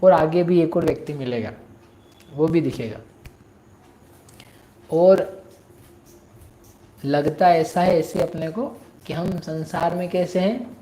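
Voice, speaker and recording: A woman teaching scripture, explaining a story and chanting verses in a drawn-out sing-song, often asking her listeners questions. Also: deep voice, warm tone. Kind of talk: religious discourse with chanted verses. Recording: roomy echo.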